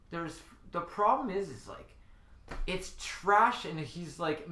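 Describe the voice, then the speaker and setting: A man speaking as a podcast guest, giving blunt, profane, animated opinions in casual chat. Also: high voice. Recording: roomy echo.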